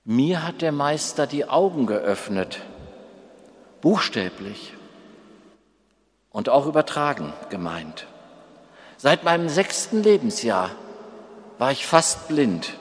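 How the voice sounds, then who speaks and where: A man's voice: medium pitch, sing-song, slow pace, pauses often, big-room sound. A man voicing a grateful man, once nearly blind, who speaks earnestly in a storybook reading. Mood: heartfelt. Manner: earnest, heartfelt.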